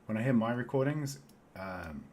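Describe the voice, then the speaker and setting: A Minecraft let's-play host with a South London accent chats casually while playing, his medium-pitched, darkish voice animated at a normal pace. He rambles and laughs often.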